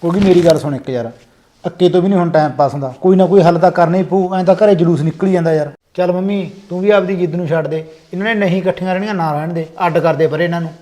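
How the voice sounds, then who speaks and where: A man's voice: sits high, rapid-fire, mellow, close to an everyday voice. A man acting an elder brother who insistently reasons with his family to settle a household quarrel. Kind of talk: family comedy skit acting. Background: music.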